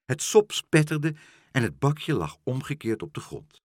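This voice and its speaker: Man, storyteller, very lively melody, dry close sound. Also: medium pitch, measured pace, dry recording. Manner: expressive, dramatic storytelling. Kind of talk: children's story reading.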